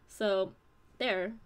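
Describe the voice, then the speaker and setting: Bubbly young woman rambling on her livestream, giggly, mid-pitched voice, reads chat out loud. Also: smooth. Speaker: audio creator streaming live.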